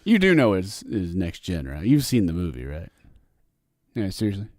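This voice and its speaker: A man co-hosting a podcast, chatting casually about movies in an animated, goofy way. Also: low-pitched, moderate pace, no room sound, clean studio sound. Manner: animated, goofy, sings and does voices. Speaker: podcast co-host.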